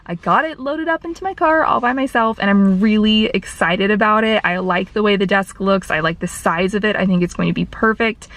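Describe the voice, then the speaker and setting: A woman's voice: mid-range voice, fairly quick, hardly any pauses, a bit bright. A woman vlogger chatting casually to her viewers in an informal, upbeat and enthusiastic way.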